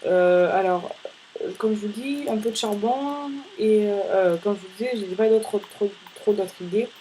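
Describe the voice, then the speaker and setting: Brief: male let's-play host, rambling and playful, talks straight to viewers, mid-high voice, faint hiss. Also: unhurried, mellow, rough recording. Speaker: gaming channel host. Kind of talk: casual let's-play commentary.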